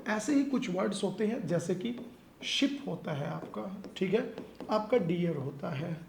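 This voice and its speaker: A man's voice: sits high, animated, vocal fry. Man teaching grammar in an echoey room. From India. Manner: explains in Hindi with English phrases, slows to read sentences, checks in with "ठीक है". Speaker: English teacher. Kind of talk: exam-prep grammar lesson. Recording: echoey room with faint background noise.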